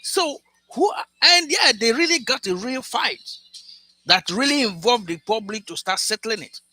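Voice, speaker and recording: With a very high, animated, bright and forceful voice at a moderate pace, this man addresses his viewers directly as a relationship-advice vlogger. He earnestly lectures through a cautionary love story, often starting over and repeating himself.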